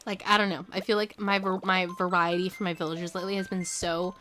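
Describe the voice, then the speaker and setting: A young woman talks quickly in a lowish, slightly hoarse voice while streaming a game, its music audible underneath. Her chatter is loose and filler-heavy, punctuated by bursts of excited squealing.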